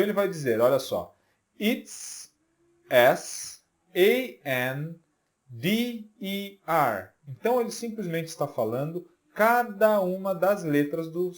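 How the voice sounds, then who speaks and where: A man's voice: high voice, darkish tone. A Brazilian man teaching an English lesson, patiently drilling letters one at a time and checking in with the viewer often. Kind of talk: video lesson for beginners.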